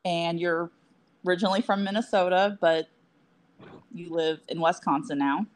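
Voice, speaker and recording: A woman co-hosting a casual podcast, chatty and quick to laugh, with self-deprecating asides. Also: on the low side, steady tone. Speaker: podcast co-host.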